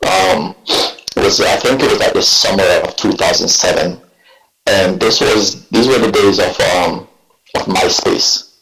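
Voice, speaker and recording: A man in his forties from Jamaica, speaking with a Jamaican accent, telling his story as a guest poet in a reflective, halting way. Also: deep voice, a bit bright. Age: 40s. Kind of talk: relaxed interview talk. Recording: echoey room.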